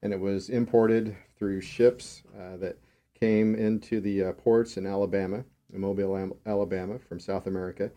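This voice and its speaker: A man co-hosting a radio call-in style show, talking in a relaxed, unhurried chat. His voice sits fairly low and sounds dark and mellow. He chuckles easily and explains things at length. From Texas.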